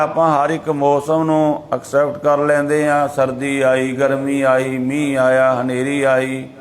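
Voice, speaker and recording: A man with a Punjabi accent giving a sermon, slowing right down to chant scripture verses and then explaining them in plain, everyday talk. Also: medium pitch. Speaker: Sikh preacher giving scripture commentary.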